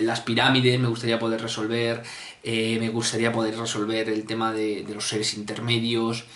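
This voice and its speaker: A man in his twenties from Spain with a Spanish accent, telling a personal story to camera in a casual, animated way, with many fillers and restarts. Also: mid-range voice. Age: 20s. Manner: animated, hesitant with fillers and restarts, clears throat often. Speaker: mystery channel host. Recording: echoey room.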